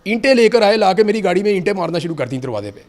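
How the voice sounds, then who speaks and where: A man's voice: sits high, big pitch swings, darkish tone. Earnest man recounting an ordeal. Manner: earnest, vivid storytelling with shifting intensity. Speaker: interview guest. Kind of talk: personal account in conversation.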